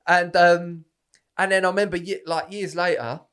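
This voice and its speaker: A man with an Essex accent and a slightly raised pitch. He chats casually, telling anecdotes in loose, colloquial and sweary language, and acts out what people said. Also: steady tone, normal speed, a bit bright, clear, resonant tone.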